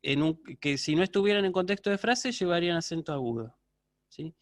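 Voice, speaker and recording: A man's voice: fairly high pitch, fairly quick, dry recording, studio quality. A man teaching a university Greek class over a video call, patiently checking in with his students. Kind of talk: online lecture.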